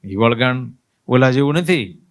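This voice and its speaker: A swami giving a sermon. He tells a devotional story in a lively way, acts out its people's voices, and turns to his listeners with questions such as "understood?". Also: medium pitch, a little slow. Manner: storytelling, acts out the old woman's cries and dialogue; asks listeners rhetorical questions. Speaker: swami giving a religious discourse.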